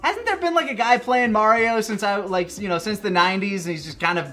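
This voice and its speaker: A man's voice: sits high, fairly even intonation, fairly quick, pushed and bright. A man hosting a podcast in casual chat, joking and rambling with plenty of fillers. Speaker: podcast host.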